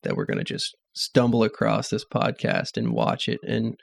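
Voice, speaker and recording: A man's voice: lowish voice, very animated, moderate pace, vocal fry. A young man co-hosting a casual podcast, telling stories with frequent laughter and playful jokes. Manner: laughs often, jokey, breaks into silly sing-song. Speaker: podcast co-host. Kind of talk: casual chat.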